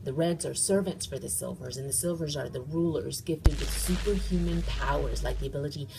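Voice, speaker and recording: A woman's voice: deep voice, fairly quick, gravelly, background noise. A woman giving a short, punchy book talk.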